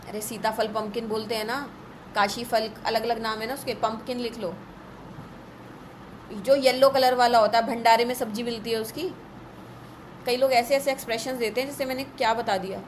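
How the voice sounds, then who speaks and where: A woman teaching an astrology class in a live online session, brisk and a little scolding as she runs through lists. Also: a little high, slight background noise, rough recording.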